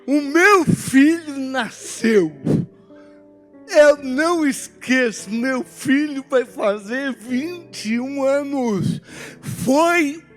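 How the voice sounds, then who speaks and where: A Brazilian preacher from Minas Gerais with a very high voice speaks slowly and with feeling. He tells a story from his own life and acts out the dialogue. Soft church music plays behind him. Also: expressive. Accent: Brazilian Portuguese, Minas Gerais. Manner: emotional storytelling, acting out dialogue. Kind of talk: sermon with personal story.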